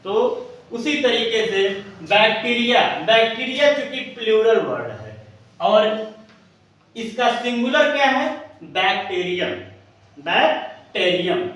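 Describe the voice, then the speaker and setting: A male teacher explains grammar in a high, unhurried voice, stopping to spell out each word. He sounds set back from the microphone in a very echoey room with a faint hiss behind him. The effect is of a classroom lesson recorded from a distance. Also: animated, fairly bright tone. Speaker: English teacher. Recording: echoey room, voice from away from the mic, faint noise.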